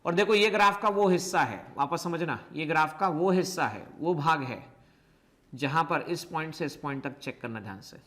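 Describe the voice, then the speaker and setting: A man teaching physics in a recorded lesson. He asks questions and answers them himself, repeats key phrases, stretches words out slowly and mixes English terms into his explanation. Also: on the high side, fairly bright tone.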